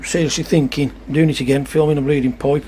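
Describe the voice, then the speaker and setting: Fast and warm, with a slightly high, steady voice, a koi-keeping hobbyist chats in exasperation about his pond pump. He records this casual vlog narration on his phone outside in pouring rain, and faint rain and outdoor noise carry underneath.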